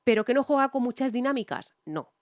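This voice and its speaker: A woman's voice: a little high, animated, a little fast, no echo, clean studio sound. A woman from Spain with a Spanish accent, a singer giving casual reaction commentary on songs, chatty with many fillers and sung snatches of melody.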